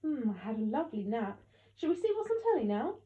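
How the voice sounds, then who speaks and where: A woman voicing an anxious, heartbroken mother who pleads in a high, emotional voice. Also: sing-song, quick pace, mellow. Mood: forced cheer. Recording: echoey tinny phone-like sound.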